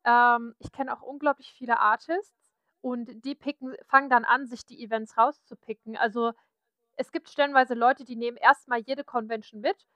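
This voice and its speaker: A woman's voice: fairly high pitch, fairly even intonation, moderate pace, no room sound, lo-fi sound. A woman from Saxony talking frankly and chattily in a casual podcast conversation. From Saxony, Germany. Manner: frank, chatty, many fillers.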